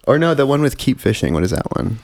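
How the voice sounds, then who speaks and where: A man's voice: mid-range voice, sing-song, fast, gravelly, darkish tone. A man chatting casually as a podcast co-host, laid-back and full of fillers. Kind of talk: casual chat.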